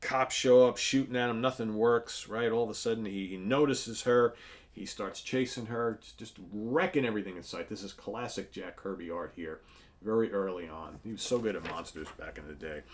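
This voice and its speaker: A man's voice: on the low side, normal speed. A man hosting a casual comic book review, retelling the plot in a chatty, sarcastic way.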